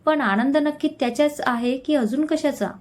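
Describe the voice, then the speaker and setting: A woman's voice: high-pitched, normal speed, darkish tone, pitched above the performer's own voice, close to an everyday voice. A woman voicing a teasing young roommate. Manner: teasing, reassuring.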